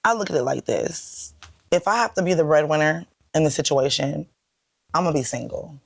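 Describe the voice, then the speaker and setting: A young woman co-hosting a casual chat show, hoarse and raspy, talking bluntly with lots of swearing and lively storytelling. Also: deep voice, a little fast. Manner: blunt, profane, animated storytelling. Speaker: podcast co-host.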